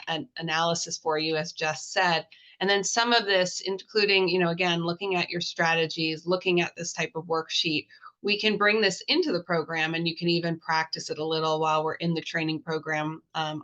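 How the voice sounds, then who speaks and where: Woman webinar co-host over a video call; reassuring, filler-heavy, slightly low voice on dull call audio. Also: sharp tone. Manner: reassuring, many "you know" and "um" fillers. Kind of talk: webinar presentation.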